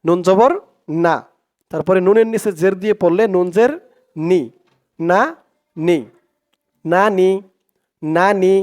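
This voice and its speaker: Brief: male teacher, Bangladeshi accent, higher-pitched voice, patient and repetitive, slow syllable-by-syllable drilling. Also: fairly even intonation, darkish tone. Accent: Bangladeshi Bengali. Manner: patient, repeats each syllable many times. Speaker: Quran reading teacher. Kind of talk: slow step-by-step lesson.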